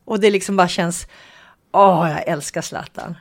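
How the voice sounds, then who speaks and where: A middle-aged woman co-hosting a casual chat, emotional and excitable, laughing easily. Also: lowish voice, creaky. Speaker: co-host.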